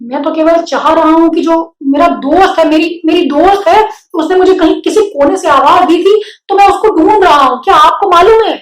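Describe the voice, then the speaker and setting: A lonely, eager young male pig from a storybook, voiced by a woman reading aloud. He pitches his voice up high and exclaims loudly, pleading and calling out. The reading sounds a little roomy. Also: normal speed, few pauses. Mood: apologetic. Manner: loud, pleading, exclaims a lot. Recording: roomy echo.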